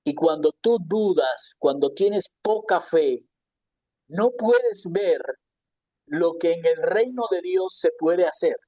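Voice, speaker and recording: A man's voice: high-pitched, takes it slowly, warm tone, no room sound. A man teaching a Bible lesson in a conversational sermon style, often asking his listeners questions. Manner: conversational, asks the audience questions.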